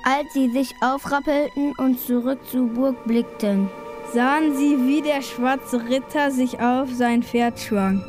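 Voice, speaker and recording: A woman reading a children's story aloud in a lively storytelling manner. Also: sits high, takes it slowly. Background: loud music.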